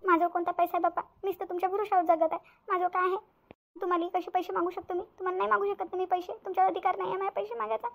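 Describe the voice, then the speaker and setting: A woman plays a sly, whiny young wife in a cartoon, her high voice edged with gravel as she pleads and wheedles. She rattles her lines off at a brisk clip. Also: level tone. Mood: wheedling. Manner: wheedling, fake-tearful pleading. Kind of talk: cartoon voice acting.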